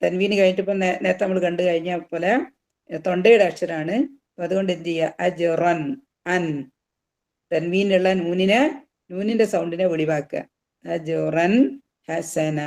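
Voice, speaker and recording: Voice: medium pitch, darkish tone. Teacher drilling Quran recitation rules. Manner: explains rules, then recites words slowly and drawn out; repeats words and terms to drill them. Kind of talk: tajweed lesson.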